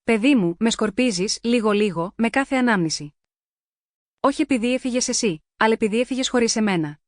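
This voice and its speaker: A woman's voice: a little high, lively intonation, dry recording, clean studio sound, lightly acted. Woman voicing a grieving mother's lament. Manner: mournful, pleading lament. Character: grieving mother pleading to her dead child.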